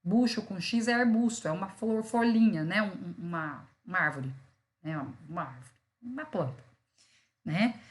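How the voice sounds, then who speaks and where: A Brazilian woman who teaches at a law school gives an online vocabulary lecture, explaining word meanings through examples. She speaks in a Brazilian Portuguese accent with many fillers, checking in with "né" and "tá". Her mid-range voice is expressive, at normal speed.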